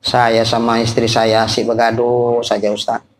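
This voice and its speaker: A preacher voicing a troubled middle-aged husband asking for advice in a subdued, weary way. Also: male voice, mid-range voice, monotone, normal speed, slight background noise, pitched below the performer's own voice, close to an everyday voice.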